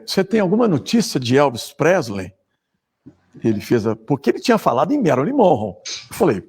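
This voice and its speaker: A man's voice: medium pitch, a little mellow, breathy edge. A man in a documentary interview, recalling an anecdote with humor. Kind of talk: personal recollection.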